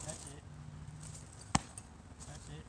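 A man coaching martial arts pad drills outdoors, counting reps and giving short, clipped commands into a distant camera. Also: drawn-out words. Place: open grassy field by woods, outdoors. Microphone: far camera. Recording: distant camera outdoors, loud ambient noise.

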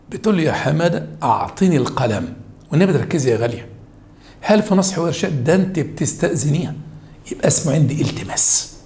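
A man with an Egyptian accent teaching a high school Arabic rhetoric review, animated and coaxing his students with pet names.

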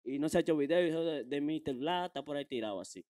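Racing along with lively intonation and a warm, slightly high voice, a young Dominican-accented man gives a cocky street-slang interview, hammering points home by repeating himself. The interviewer extends a handheld microphone to him inside a small, furnished room.

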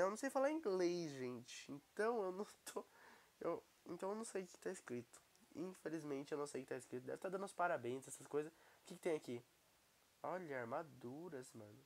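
Excitable young Brazilian gamer with a cold. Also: male voice, high voice. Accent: Brazilian Portuguese. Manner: excitable, exclaiming at the screen. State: has a cold. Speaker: gaming YouTuber. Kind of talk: casual gameplay commentary.

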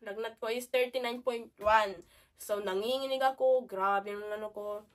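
A woman's voice: medium pitch, steady tone, moderate pace, recorded from a distance. A woman vlogger chatting casually to her viewers while sick with a cold and cough, often calling out to them. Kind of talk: casual chat to camera.

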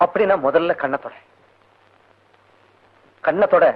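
A man's voice: on the high side, a little slow. A young actor playing a man who coaxes and soothes his crying sweetheart. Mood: coaxing. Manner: pleading, coaxing, teasing. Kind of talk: 1980s film acting. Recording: dull old film soundtrack with music.

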